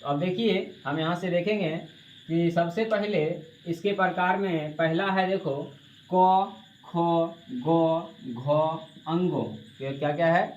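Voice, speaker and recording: A male teacher with a high-pitched voice gives a grammar lesson at normal speed, drilling students by posing questions and answering them himself and calling them "babu". The classroom recording is dull and lo-fi, with faint hiss.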